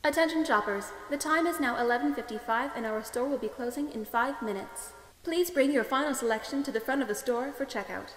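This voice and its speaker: A woman voicing a female supermarket announcer who speaks over the store loudspeaker in a smooth, polite announcement manner. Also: high-pitched, brisk, hardly any pauses, background noise. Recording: long hall reverb, music behind. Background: music.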